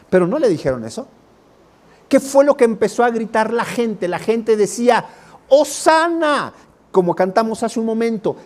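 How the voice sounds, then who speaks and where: A man's voice: sits high, dark tone. A man with a Mexican Spanish accent preaching a sermon in a church, conversational with asides to the congregation and emphatic exclamations. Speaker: pastor.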